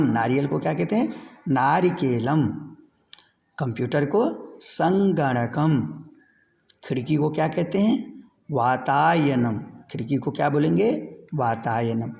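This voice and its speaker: A man's voice: fairly high pitch, creaky, darkish tone, in a large hall, slight background noise. A middle-aged man teaching a Sanskrit lesson to children, patiently repeating each word and asking questions. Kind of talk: classroom lesson over a screen recording.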